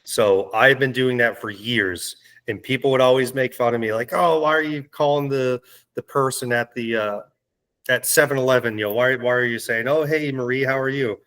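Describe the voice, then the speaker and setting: A man's voice: medium pitch, normal speed, rough recording. A man co-hosting a podcast, chatting casually and acting out small everyday exchanges as he tells his stories. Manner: animated storyteller who acts out little exchanges. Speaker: podcast co-host. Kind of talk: casual chat.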